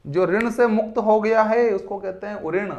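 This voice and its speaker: A man's voice: high-pitched, normal speed, vocal fry, darkish tone, dull audio. A man teaching a recorded exam-prep lesson. He calls his students his children, repeats each term several times, and quizzes the listener.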